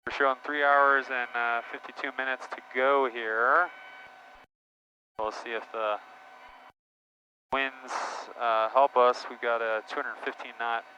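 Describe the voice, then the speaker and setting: A man talking as a pilot, casually narrating a flight in a halting, matter-of-fact way. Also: medium pitch, flat delivery. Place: small airplane cockpit in flight. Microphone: aviation headset. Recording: dull, noisy aircraft cockpit intercom. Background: engine noise, radio.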